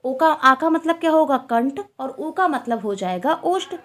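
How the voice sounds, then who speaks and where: A woman's voice: sits high, expressive, unhurried. A woman teaching a Sanskrit exam-prep lecture, asking questions and repeating the answers.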